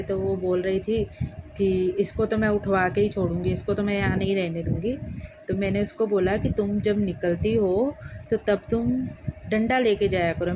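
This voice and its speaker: A middle-aged woman from Gujarat telling a personal story in a casual vlog, speaking slowly and earnestly and acting out both sides of a dispute. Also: medium pitch. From Gujarat, India. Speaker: vlogger. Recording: muffled lo-fi with clear background noise.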